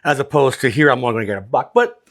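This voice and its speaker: A man's voice: medium pitch, sing-song, rapid-fire, fairly bright tone. A plain-spoken man working as a craps dealing instructor, explaining things step by step in a casual, hands-on teaching style.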